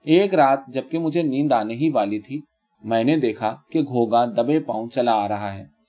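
A man narrates a literary story in a calm, measured way, his voice mellow and warm. The recording is slightly dull, as if muffled. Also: mid-range voice.

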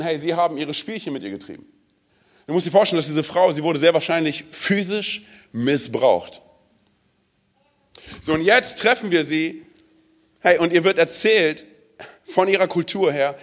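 A man from Romania preaching to a congregation, emphatic and direct, peppering his sermon with "hey" and asking the listeners questions. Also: sits high. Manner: speaks straight to the congregation with questions. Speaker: pastor.

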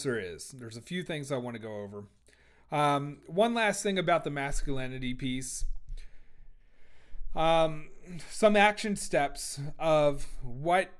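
A young adult man hosting a casual solo podcast, talking in a rambling, jokey way with lots of swearing, fillers and restarts. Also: medium pitch. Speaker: podcast host.

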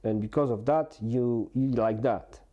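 A man in his forties talking candidly in a conversation, halting and earnest, with many restarts and fillers. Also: mid-range voice, warm tone. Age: 40s. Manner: earnest and open. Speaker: guest.

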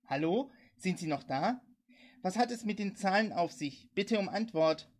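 A woman voicing an agitated male radio operator who urgently seeks help for a stranger, speaking in a low, husky voice. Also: lively intonation, moderate pace, a little mellow. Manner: agitated and insistent.

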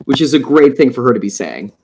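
A man's voice: medium pitch, very animated, quick pace, darkish tone, breathy edge. A man co-hosting a casual show recap, playful and jokey. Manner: playful, jokey, puts on silly voices. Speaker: podcast co-host.

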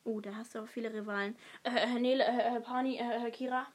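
A young woman with a high voice chats casually with a friend. She teases and pushes her friend around with a bossy edge, and she laughs often. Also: flat delivery, quick pace. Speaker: podcast co-host. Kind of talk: casual chat about a fantasy film series.

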